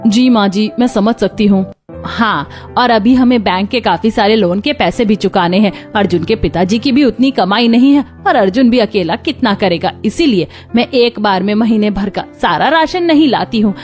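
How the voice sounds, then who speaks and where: Speaking at normal speed, a woman with an animated, darkish mid-range voice handles all the female characters in a Hindi cartoon story. She plays the mother-in-law, the daughter-in-law and the neighbors, with faint background music throughout.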